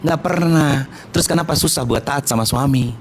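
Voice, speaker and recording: Male preacher in his thirties, soft-spoken yet lively, slightly high voice, faint hum behind. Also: normal speed. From Indonesia, Minangkabau family. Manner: soft-spoken, lively, questioning listeners directly. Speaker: Islamic preacher. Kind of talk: sermon to women.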